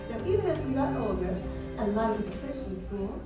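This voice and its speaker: An actress playing a sweet young princess who reminisces warmly in a live stage show. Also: female voice, a little high, big pitch swings, a little fast, distant mic. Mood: fond. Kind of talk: theme park stage show storytelling. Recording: echoey hall from afar, loud music.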